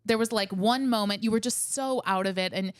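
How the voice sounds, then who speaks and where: A woman co-hosting a podcast, telling a story in a wry, animated way. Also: mid-range voice, fairly quick, dry recording, studio quality. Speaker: podcast co-host.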